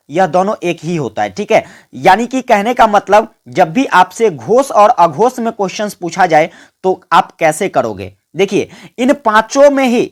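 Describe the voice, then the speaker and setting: Guy teaching exam grammar, asks questions then answers them himself, makes you say sounds along with him. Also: high voice. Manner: quizzes listeners and answers his own questions; has listeners repeat sounds with him. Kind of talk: exam-prep grammar lesson.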